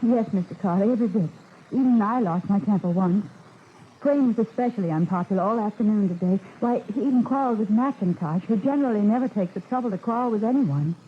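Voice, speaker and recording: A woman's voice: medium pitch, fast, close to an everyday voice. A nervous, polite performer answers hesitantly, as an actress plays her. The old radio broadcast is thin and tinny, with faint hiss. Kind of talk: 1940s radio acting.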